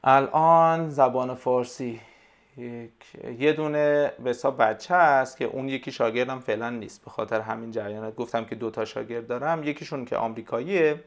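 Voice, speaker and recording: A man, a language tutor, talking casually in an interview and explaining things hesitantly with many pauses and fillers. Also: medium pitch. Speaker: language tutor, podcast guest.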